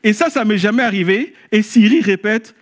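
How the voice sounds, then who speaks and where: A man preaching a sermon at a church service, telling a story and rising to animated exclamations. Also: sits high, normal speed. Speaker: pastor.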